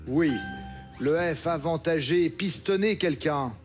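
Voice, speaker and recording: A man hosting a TV quiz show in a studio, reading questions briskly and crisply. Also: on the high side, faint music behind.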